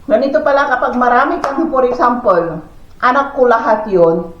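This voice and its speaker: A woman's voice: on the high side, expressive, moderate pace, noisy background. Chatty woman from the Philippines, home vlog. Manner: chatty, full of fillers and exclamations. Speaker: family vlogger. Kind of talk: casual home vlog storytelling. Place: at home, indoors. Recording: echoey room, dull lo-fi sound.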